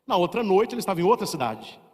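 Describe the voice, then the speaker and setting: A Brazilian priest preaching a sermon, emphatic, with many repeated rhetorical questions. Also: male voice, high voice, sing-song, fast talker, a little mellow, breathy edge. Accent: Brazilian Portuguese. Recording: long reverb.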